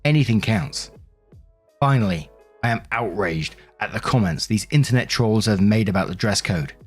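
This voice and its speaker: Over soft background music, a man with a lowish, slightly rough voice and lively intonation reads social media posts aloud at a normal speed. He dramatizes an indignant, bossy bride, delivering her words in a self-righteous, emphatic way.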